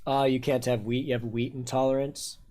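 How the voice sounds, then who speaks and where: A man's voice: medium pitch, level tone, fairly quick, warm tone. A man chats loosely while he plays a video game on stream. He rambles, jokes and swears freely into a desk mic at home. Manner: profane, joking, rambling. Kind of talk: casual game stream commentary.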